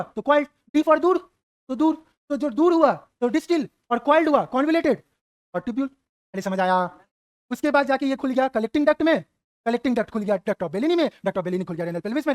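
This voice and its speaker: A man's voice: very high-pitched, no echo, studio quality. A man teaching biology, firing off rhetorical questions, checking whether students follow, and playfully voicing their imagined replies. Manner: keeps asking rhetorical questions and checking "got it?". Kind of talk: exam-prep lecture at a whiteboard.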